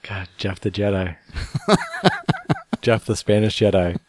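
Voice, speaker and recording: A man co-hosting a podcast, chatting casually and reading out news with a relaxed, rambling manner and a tired edge. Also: lowish voice, moderate pace, no room sound. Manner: relaxed, rambling, many fillers. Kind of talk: casual chat.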